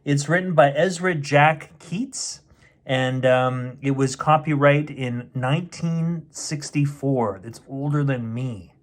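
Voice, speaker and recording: On his bedtime story show, a middle-aged host reads a picture book aloud at a slow pace, his voice on the high side. He mixes in playful, chatty asides directed at children.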